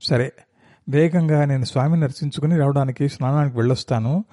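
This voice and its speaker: A man voicing a calm, gently kind elderly ascetic sage in a read-aloud story, speaking in a measured, coaxing way. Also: mid-range voice, no room sound, clean studio sound, lightly acted. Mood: instructive.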